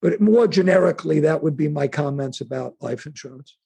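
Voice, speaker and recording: A middle-aged man with a New York accent, a guest answering interview questions in a halting, chatty way with many restarts. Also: on the high side, expressive, creaky, warm tone, slightly rough. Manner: halting restarts, conversational, acts out imagined speakers. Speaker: insurance and wealth planning executive, guest.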